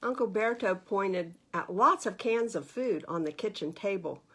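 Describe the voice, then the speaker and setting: A woman with a mid-range, slightly rough and a bit bright voice reads a children's picture book at a moderate pace. As a storytime librarian, she keeps it animated and expressive, tossing questions and asides to her listeners.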